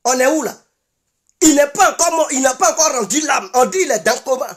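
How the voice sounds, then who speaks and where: A woman's voice: high-pitched, fairly quick. A woman with an Ivorian French accent giving an impassioned political commentary monologue, emphatic and given to repeating insistent declarations.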